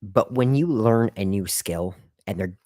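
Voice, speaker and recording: A man's voice: fairly low pitch, unhurried, warm tone, no echo, studio quality. A man hosting a live stream and giving casual career advice to viewers in a rambling, repetitive way, often talking straight to the chat. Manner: rambling, repeats himself, talks straight to the chat; hiccuping and burping at times.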